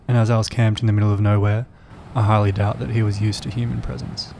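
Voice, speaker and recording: A young man narrating his solo hiking trip in a calm, easygoing, understated voice-over. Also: fairly low pitch, fast talker, gravelly, background noise. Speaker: vlogger. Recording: voice-over with loud background music.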